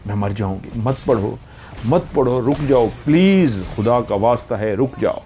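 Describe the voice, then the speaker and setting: A man's voice: medium pitch, lively intonation, mellow, soft background music, lightly acted. A man doing a terrified, begging young woman. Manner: pleading, desperate, tearful.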